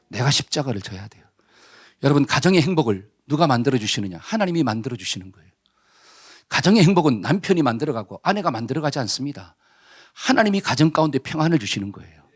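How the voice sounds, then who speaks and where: A man's voice: medium pitch, husky. A man preaching a sermon as pastor, firing rhetorical questions and leading the congregation in responses. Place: church.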